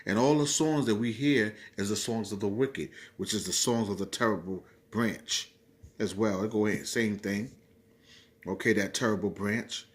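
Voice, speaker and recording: A man preaching a sermon, driving his points home with repeated "okay?" checks and growing louder and more forceful as he goes. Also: fairly low pitch. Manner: repeats "okay?" often, emphatic and insistent.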